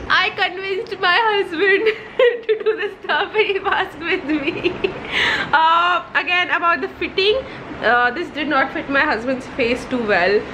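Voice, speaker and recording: A young woman from India, chatting to camera in a casual vlog while speaking through a wipe over her mouth, giggling and asking viewers questions. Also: high-pitched. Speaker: vlogger. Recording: echoey room with background noise.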